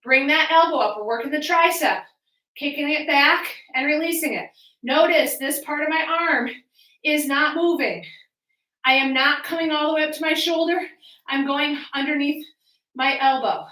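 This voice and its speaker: A woman with a high, bright voice leads a workout from a little way off in an echoey room. She coaches in encouraging cues and counts, taking her time over the instructions. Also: moderate pace. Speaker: fitness coach leading a home workout. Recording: roomy echo, distant from mic.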